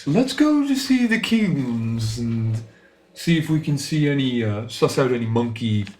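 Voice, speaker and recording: A man's voice: mid-range voice, very animated, a little slow, darkish tone, echoey room, slight background noise. A man playing a tabletop game, casually asking the game master lots of questions. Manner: curious, asks many questions. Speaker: player.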